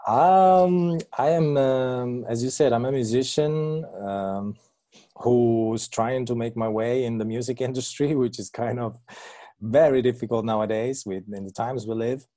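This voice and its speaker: A man's voice: mid-range voice, unhurried, warm tone, dry recording. A man from Italy, a musician guest speaking in a friendly, hesitant way. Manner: friendly, hesitant, laughs between phrases. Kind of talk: casual interview.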